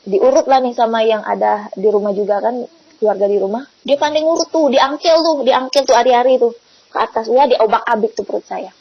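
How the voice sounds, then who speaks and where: A woman giving a personal faith testimony, telling her story in an animated way and acting out the quoted voices. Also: a little high, a little fast, slightly rough, no room sound. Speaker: testimony speaker. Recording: muffled lo-fi recording.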